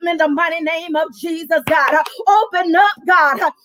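High-pitched woman preacher praying fervently. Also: normal speed, bright, forceful tone, a little hiss or hum. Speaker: preacher leading prayer. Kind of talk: fervent Pentecostal-style intercessory prayer.

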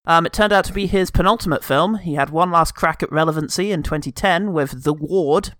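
A man's voice: fairly high pitch, fairly quick, a bit bright, no echo, clean studio sound. A British man hosting a comedy film podcast, reading reviews and bantering in a wry, jokey way, pronouncing th as f. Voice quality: th-fronting, says th as f.

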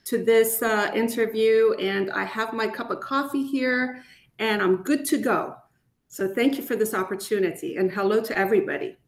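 A woman in her fifties from Iran, a retired doctor, speaking as an interview guest over a video call in a measured way, with pauses and fillers. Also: medium pitch, reverberant. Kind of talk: interview conversation.

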